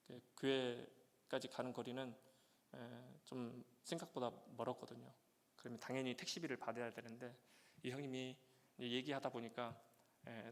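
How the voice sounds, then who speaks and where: A male pastor giving a sermon with a personal testimony, telling his story with many "예" fillers and breaking into loud, emotional prayer. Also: mid-range voice. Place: church sanctuary. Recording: long church reverb.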